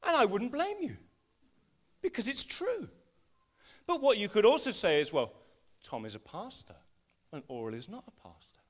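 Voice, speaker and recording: Preaching live in a school hall church service, a man from England speaks in a high-pitched voice at a moderate pace, pausing often. He brings people up from the congregation as volunteers, and his animated delivery swells with emphasis as he makes each point.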